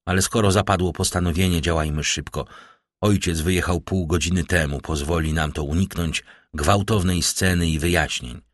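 A man's voice: low voice, fairly even intonation, normal speed, no echo, studio quality. Man voicing a grieving noble mother. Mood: tender resolve.

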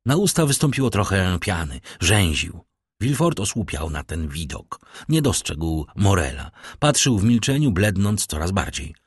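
A man narrating an audiobook in an expressive storytelling manner. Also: low voice, normal speed, slightly rough, no echo, studio quality.

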